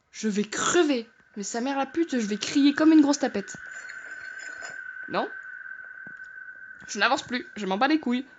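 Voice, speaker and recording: A young woman talks her way through a horror game in a fairly high voice. She jokes nervously, swears freely and shouts when something startles her. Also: muffled recording. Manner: jokey, frightened, swears and shouts. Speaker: gamer. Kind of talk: horror game let's play commentary.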